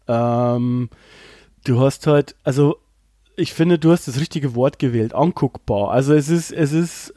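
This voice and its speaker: Mellow-voiced man on a casual podcast. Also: mid-range voice, dry recording, clean studio sound. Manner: rambling, many fillers and restarts. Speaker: podcast co-host. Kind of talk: casual podcast chat about a film.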